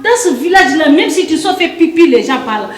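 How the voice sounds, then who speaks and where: A woman's voice: sits high, big pitch swings, quick pace, reverberant. A woman with a voice playing a playful, coaxing village wife in a comic sketch. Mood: complaining. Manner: coaxing and playful, often laughing through lines.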